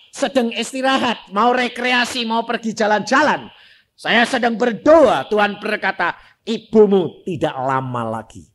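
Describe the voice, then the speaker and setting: A middle-aged man preaching a sermon in with a tinge. He tells personal stories bluntly and addresses the congregation directly. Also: high voice. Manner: blunt, animated storytelling, speaks directly to the congregation.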